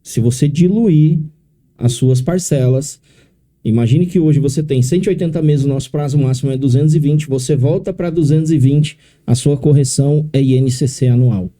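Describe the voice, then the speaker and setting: A man's voice: a little high, moderate pace, mellow. A middle-aged man from São Paulo with a São Paulo accent, explaining things step by step in a podcast interview. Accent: São Paulo Portuguese. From São Paulo, Brazil. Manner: explains step by step, often adding tag questions. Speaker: consórcio specialist guest.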